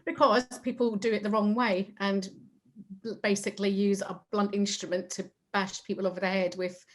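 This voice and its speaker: A woman from the Highlands, talking casually and emphatically as she answers questions about her business. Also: little pitch movement, moderate pace. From Highlands of Scotland. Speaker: franchise business owner.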